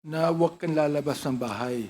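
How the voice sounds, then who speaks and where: A man with a fairly high voice questions a witness at a formal hearing. He presses his points and probes for answers. It sounds like a hearing room. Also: moderate pace, darkish tone.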